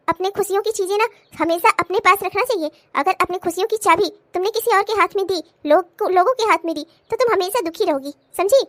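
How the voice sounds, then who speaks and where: A woman's voice: extremely high pitch, a bit bright, no echo. A woman voicing a stern older mother-in-law and grandmother in a cartoon comedy, scolding and lecturing. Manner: scolding, then lecturing in a slow preachy way.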